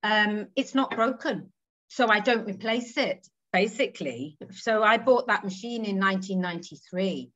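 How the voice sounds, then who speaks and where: An Englishwoman in her 40s, a textile artist, speaks as a guest in a video-call interview from a home room with green walls. Her mid-range voice is animated and fairly bright at a moderate pace, and she chats thoughtfully with trailing asides and tag questions. The audio is slightly dull.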